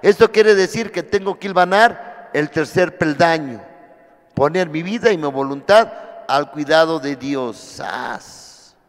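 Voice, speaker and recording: A man's voice: fairly high pitch, animated, a little slow. A man with a Mexican Spanish accent sharing his testimony at a recovery meeting, telling vivid, profane stories with rhetorical questions. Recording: long hall reverb.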